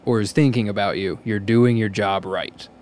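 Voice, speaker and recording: A man's voice: on the low side, fairly even intonation, moderate pace, a little mellow. A man hosting a podcast, talking casually about audio work, with lots of like as filler. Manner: casual, heavy use of like. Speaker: podcast host and audio tech.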